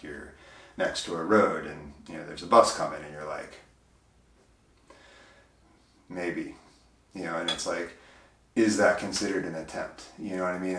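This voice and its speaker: As an interview guest, a man with a big, deep yet fairly bright voice speaks reflectively and hesitantly, full of fillers and restarts. He's far from the mic in a roomy recording, so his voice comes from off mic.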